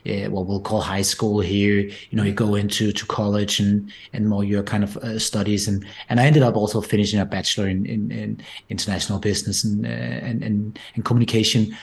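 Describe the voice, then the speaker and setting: Lowish, level, and gravelly, his voice moves a little fast with few pauses. He's a Danish entrepreneur in his forties with a Danish accent, guesting on a podcast interview and thinking aloud with frequent restarts and repeated words.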